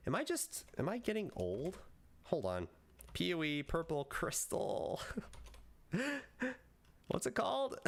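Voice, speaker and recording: A man in his late twenties chatting casually on a live stream, telling rambling stories and swearing often. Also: a little high. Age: late 20s. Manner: rambling, animated storytelling with frequent swearing.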